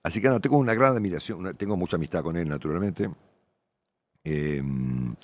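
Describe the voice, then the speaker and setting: A man's voice: sits low, fairly quick. A middle-aged Argentine man, a veteran radio journalist, talking casually and at length in an interview, full of tag questions. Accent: Argentine Spanish. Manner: colloquial, rambling, frequent tag questions.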